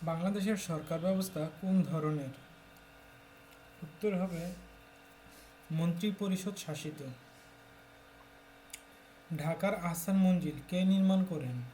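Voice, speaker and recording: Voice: mid-range voice, slow, pauses often, warm tone, slight background noise. A tutor from Bangladesh steadily reading exam questions aloud and announcing each answer in turn.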